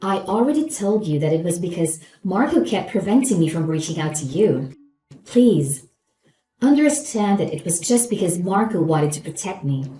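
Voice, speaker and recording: A woman's voice: lowish voice, animated, normal speed, mellow, roomy sound, faint music behind, close to an everyday voice, low-quality recording. A woman acting a gloating, falsely polite new wife in a scripted story, with a saccharine, condescending manner. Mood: smug.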